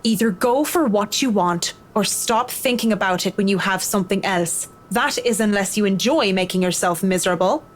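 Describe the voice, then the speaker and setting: Woman reading a curt, dry-witted designer at mid pitch; cynical and lecturing. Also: normal speed, hardly any pauses, natural voice. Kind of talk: reading a visual novel aloud.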